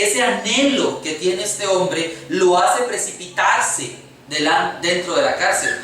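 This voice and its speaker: A Costa Rican pastor preaches a sermon in a church sanctuary, earnestly putting rhetorical questions to his congregation in Costa Rican Spanish. His voice is high-pitched, bright, and forceful, with a little hiss or hum, recorded from far off in an echoey hall.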